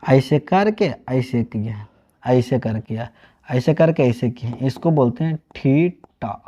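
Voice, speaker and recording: A man's voice: medium pitch, expressive, slow, dark tone. A man from Bihar with a Bihari accent, teaching a math lesson online. He asks questions and answers them himself, mixing Hindi with regional dialect. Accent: Bihari, Magahi-tinged Hindi. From Bihar, India. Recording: dull lo-fi sound.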